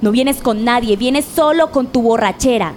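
A woman's voice: a little high, moderate pace, a little mellow, slight background noise, lightly acted. A woman playing a stern, weary partner who reproaches a drunk man and coughs now and then, in an amateur radio drama. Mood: reproachful.

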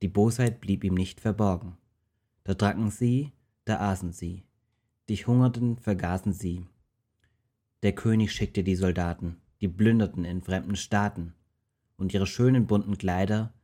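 A man tells a Bible story in rhymed verse. His reading is steady and rhythmic, in a lowish, mellow voice. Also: normal speed.

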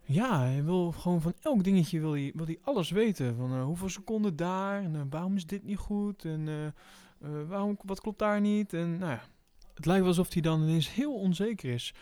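Male podcast host, raised pitch, hesitant conversational delivery, dry mic. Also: dark tone, no room sound. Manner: halting, many fillers. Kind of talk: casual chat about motor racing.

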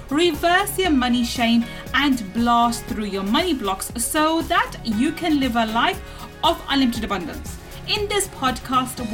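A woman hosting a podcast interview, upbeat and effusive as she welcomes and questions her guest. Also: sits high. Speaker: podcast host.

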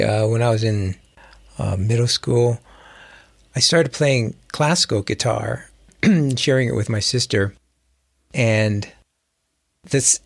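A guest musician and teacher from Hawaii, United States, tells stories in a casual interview, reflective and often rephrasing as he goes. His medium-pitched voice has vocal fry, and there's no room sound.

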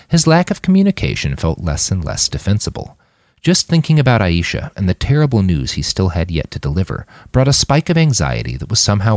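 An author reads his own novel on a podcast in audiobook style, using a low voice with vocal fry. His dramatic, animated delivery swings widely in intonation through measured, clipped phrases, recorded close and dry with no room echo.

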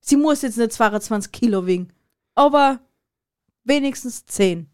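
A woman's voice: fairly high pitch, expressive, measured pace, clear, resonant tone. A woman co-hosting a casual comedy podcast, playful and teasing, laughing a lot. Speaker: podcast co-host.

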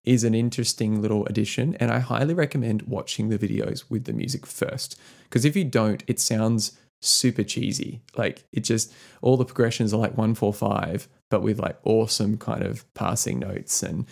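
A man's voice: lowish voice, steady tone, normal speed, vocal fry, hardly any pauses, a little mellow. A man co-hosting a podcast, chatting casually about music, rambling with lots of fillers. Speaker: podcast co-host.

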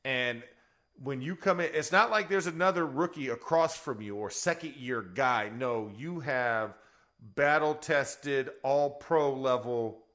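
A man's voice: medium pitch, a little slow, fairly bright tone. A man who is a former offensive lineman, co-hosting a sports radio show in a rambling, chuckling way. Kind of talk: casual sports talk.

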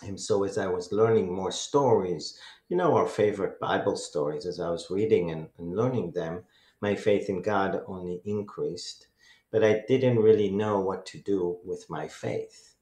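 A middle-aged man from Israel, whose first language is Hebrew and who speaks with an Israeli accent, shares his personal testimony as a radio guest. He tells it in an earnest, measured way with many "um"s. His voice is deep and warm, and the sound is roomy.

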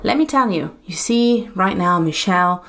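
A woman's voice: on the low side, animated, moderate pace, fairly bright tone. Woman, podcast host, enthusiastic and chatty. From Italy. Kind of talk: upbeat podcast introduction.

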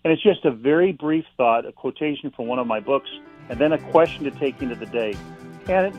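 A man, an author and guest, speaking in a calm, reflective, unhurried way about faith and slowing down. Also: medium pitch, rough recording.

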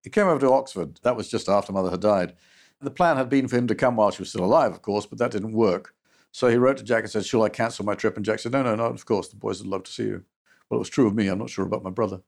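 An older man talks quickly through personal memories, often stopping and restarting. His voice is low and gravelly, and his sentences tend to fade out softly at the end. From United States. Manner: halting, with restarts and soft trailing endings. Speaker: interview guest. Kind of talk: reflective personal recollection.

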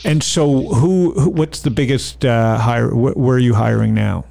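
A man's voice: medium pitch, measured pace, creaky, dark tone. A man interviewing in a casual, opinionated way, often repeating short phrases. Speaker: interviewer and investor.

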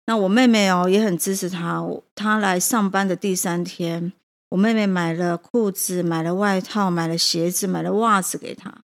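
A woman's voice: fairly low pitch, fairly even intonation, normal speed. A woman, a prison teacher and café owner, telling a personal story with emotion and hesitant restarts.

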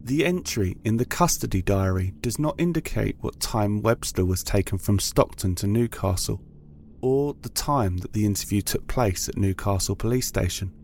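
A man's voice: fairly low pitch, animated, normal speed, darkish tone, a little hiss or hum. A man reading scripted true-crime narration in a formal, factual manner.

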